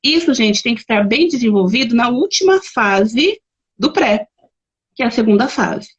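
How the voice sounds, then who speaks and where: A woman's voice: a little high, animated, normal speed, husky, muffled recording. A woman with a Brazilian Portuguese accent hosting a live-streamed lesson, chatting and reading out viewer comments as she gives examples. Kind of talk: live-streamed teaching talk.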